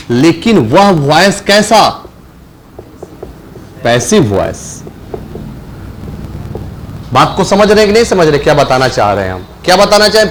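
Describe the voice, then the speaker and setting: Male tutor with a Hindi accent, high and very lively delivery, quizzes his class and answers himself, faint hum behind. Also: low-quality recording. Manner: asks the class questions and answers them himself; repeats key phrases slowly for emphasis. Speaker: English teacher. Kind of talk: classroom grammar lesson.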